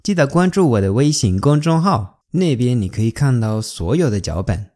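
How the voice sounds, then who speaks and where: A man from Spain with a Spanish accent, a native Spanish speaker teaching a language lesson and slowly drawing out words to show how they are said. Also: mid-range voice, very animated, a little mellow. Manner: slow, drawn-out pronunciation demos.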